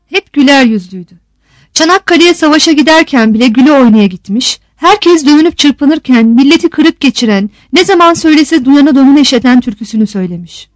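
A woman narrating a novel in a steady, descriptive storytelling manner. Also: sits high, dry recording.

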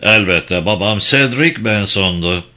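A man's voice: fairly low pitch, lively intonation, a little slow, pushed and bright, heavily acted. A man reading a friendly middle-aged lawyer. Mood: obliging. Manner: helpful, obliging. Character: friendly small-town lawyer, man in his fifties.

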